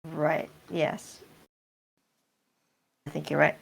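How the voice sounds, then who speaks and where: A man speaking through a voice changer that pitches his voice deep, answering interview questions casually and hesitantly with many fillers. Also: monotone, very slow, gravelly, breathy edge. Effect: voice changer, pitch shifted deep. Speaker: project developer guest.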